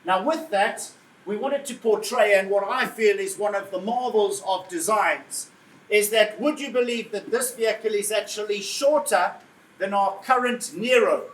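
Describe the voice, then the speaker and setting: Man with a high voice, jovial live car presenter, recorded from a distance in an echoey room. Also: normal speed, fairly bright tone. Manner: jovial, addresses the crowd as folks, jokes with the audience. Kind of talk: live product presentation to an audience. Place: showroom or event space. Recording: echoey room, voice heard from far off, faint ambience.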